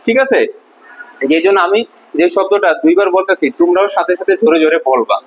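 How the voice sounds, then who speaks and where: A man's voice: high voice, fast, lo-fi sound. A man with a Bangladeshi accent teaching an English lesson to children. He asks questions and answers them himself, and repeats key words. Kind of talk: classroom lesson.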